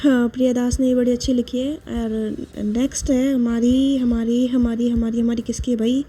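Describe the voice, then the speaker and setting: Husky-voiced woman telling a love story. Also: fairly high pitch, flat delivery, moderate pace, mellow. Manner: chatty, repeats each verse twice. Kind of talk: casual spoken storytelling and shayari reading.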